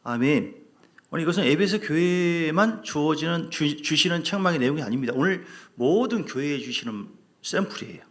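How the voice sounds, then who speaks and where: A man's voice: on the high side, animated, fairly quick, a bit bright. A male pastor preaching a sermon in an emphatic way, repeating key words and asking rhetorical questions.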